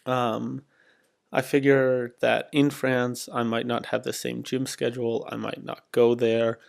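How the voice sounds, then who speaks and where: A young man in his twenties narrates his fitness vlog in a casual, meandering way. His voice sits at an ordinary pitch but carries a heavy gravelly fry, and he fills his sentences with ums and likes. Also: level tone, unhurried. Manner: laid-back, rambling, lots of ums and likes. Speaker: fitness vlogger. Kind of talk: casual voice-over commentary.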